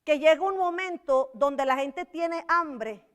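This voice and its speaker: A high-voiced woman pastor delivers a lively sermon. She acts out the voices from Bible stories and keeps calling her listeners brother. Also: slow. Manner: animated preaching, acting out Bible voices, addressing listeners as brother.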